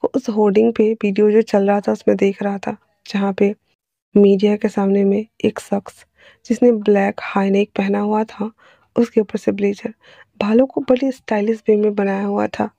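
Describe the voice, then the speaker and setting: A woman narrating her own story in a casual, chatty way. Her voice is husky and gravelly with a dark tone. The close mic makes the sound dry. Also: mid-range voice, little pitch movement, normal speed, dry recording, dull audio. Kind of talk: reading her own fanfiction aloud.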